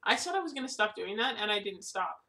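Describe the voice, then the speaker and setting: A woman's voice: mid-range voice, sing-song, fast talker, pushed and bright, recorded from a distance. A woman vlogging casually about her craft supplies, rambling with lots of fillers and restarts, hiccuping now and then. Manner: chatty, many fillers and restarts. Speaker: cross-stitch vlogger. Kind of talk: casual rambling show-and-tell.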